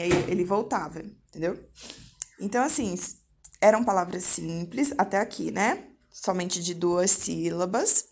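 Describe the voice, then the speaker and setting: A woman, a mother, explaining something to her viewers at home in a casual, chatty way, often tagging her sentences with little questions. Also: medium pitch. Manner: chatty, frequent tag questions. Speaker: mother and vlogger. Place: at home indoors.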